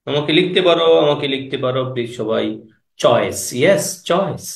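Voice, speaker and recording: A man, teaching English grammar in an exam-prep class. He fires quick questions at the students and repeats the key words. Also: mid-range voice, animated, vocal fry, reverberant.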